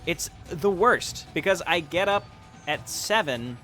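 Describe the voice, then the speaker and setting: A man's voice: fairly high pitch, lively intonation, measured pace, sharp tone, faint music behind. A man chatting casually with viewers as he streams a game, swearing now and then. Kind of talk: casual live-stream commentary.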